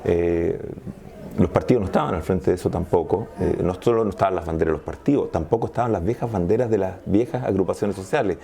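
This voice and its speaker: A Chilean sociologist, a guest in an interview conversation, talks in a discursive, analytical way and frequently restarts his sentences. His voice is low, warm and creaky, and he speaks fast.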